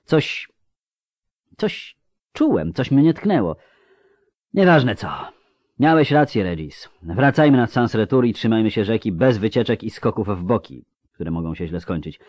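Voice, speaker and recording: A man's voice: on the low side, sing-song, measured pace, a little mellow, no room sound, clean studio sound, voice pushed up. Geralt, a man doing a brooding witcher. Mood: brooding, decisive. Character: gruff, brooding male witcher.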